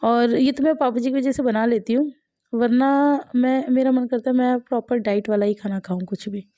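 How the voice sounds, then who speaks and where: Woman, family vlogger from India; mellow, slightly high voice; casual, self-mocking chatter with frequent laughs. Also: fairly even intonation, moderate pace, no echo. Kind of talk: casual voice-over chat.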